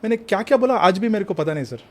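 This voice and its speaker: A man's voice: sits high, animated, racing. A man working as a numerologist and vastu consultant, telling stories earnestly, mixing in English phrases and calling the interviewer sir in nearly every sentence. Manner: mixes Hindi with English phrases. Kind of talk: earnest anecdotal storytelling.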